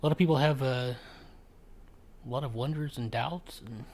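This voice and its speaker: A man's voice: medium pitch, normal speed, a little mellow. Male podcast host, casual chat, hesitant delivery with frequent fillers. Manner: hesitant, full of ums and restarts.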